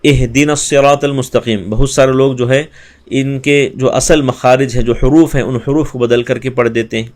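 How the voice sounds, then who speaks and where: A man's voice: medium pitch, little pitch movement, a little mellow. Man teaching Quran recitation in Urdu. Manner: explains pronunciation mistakes, then recites verses slowly and drawn out. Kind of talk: tajweed lesson with recitation.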